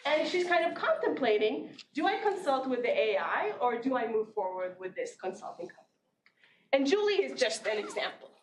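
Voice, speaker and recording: A woman's voice: high voice, sing-song, brisk. Woman, professor, conference lecture, conversational, fillers, distant mic, echoey room, background noise. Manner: conversational with frequent fillers and restarts. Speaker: marketing professor. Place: large classroom.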